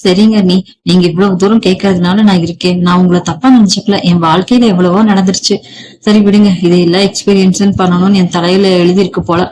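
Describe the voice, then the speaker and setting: Defiant young married woman, sharp and scolding, voiced by the narrator in a read story. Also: mid-range voice, flat delivery, fairly quick, lightly acted, low-quality recording. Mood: firm, resigned.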